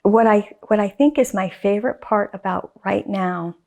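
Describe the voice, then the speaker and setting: A woman guest artist talking casually in a faith interview, telling a story with animated emphasis and repeated phrases. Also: mid-range voice, moderate pace, gravelly.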